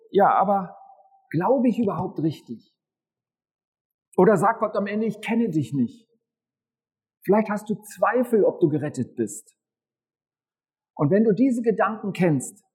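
Lively husky-voiced man preaching. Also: poor audio. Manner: lively, animated preaching with dramatic pitch swings. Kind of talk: children's-style sermon with a prop window. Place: church service.

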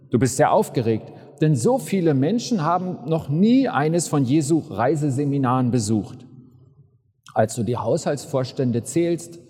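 Male preacher, lively story delivery, warm mellow tone, hall reverb. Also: medium pitch. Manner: vivid, addresses listener directly. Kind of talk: sermon storytelling.

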